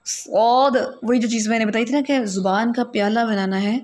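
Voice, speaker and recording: A woman's voice: on the high side, fairly even intonation, a little mellow. A woman teaching Quran recitation rules in an online class, patient and corrective with her students. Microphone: online call.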